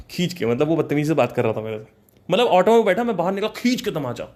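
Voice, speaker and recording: A young man from Kanpur tells a story from his own life in an easy, conversational style. His voice sits a little high for a man, and he keeps it lively, dropping in English phrases and short laughs. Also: fast talker. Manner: animated, mixes English phrases, laughs between lines. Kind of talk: casual personal storytelling.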